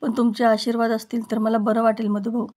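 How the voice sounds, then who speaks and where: A woman's voice: a little high, level tone, fairly quick, a little mellow, natural voice. A woman reading the lines of a young bride-to-be, firm, composed and pleading. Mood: determined. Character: calm, determined young bride-to-be.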